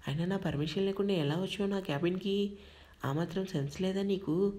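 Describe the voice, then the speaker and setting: A woman voicing a harsh, shouting young boss. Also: mid-range voice, fairly quick, close to an everyday voice. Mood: angry, scolding. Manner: shouting, scolding. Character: angry young male boss, harsh and cold.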